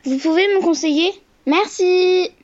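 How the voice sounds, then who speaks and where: A woman's voice: very high-pitched, unhurried, darkish tone. An actress voicing a polite, earnest eleven-year-old girl leaving a recorded message in an audio drama. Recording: dull voice-message sound.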